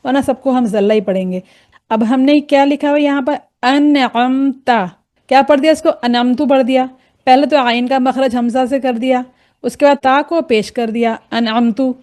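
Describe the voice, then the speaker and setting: Woman teacher, fairly high voice, patient, slow careful repetition of example words. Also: a little mellow. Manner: patient, repeats and contrasts example words slowly. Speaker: Quran recitation teacher. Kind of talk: explaining pronunciation rules with examples.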